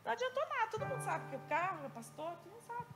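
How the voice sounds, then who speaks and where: Brazilian woman pastor preaching in church, high voice, music playing underneath, lively storytelling. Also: rapid-fire. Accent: Brazilian Portuguese. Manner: animated storytelling with quoted asides. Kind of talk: sermon.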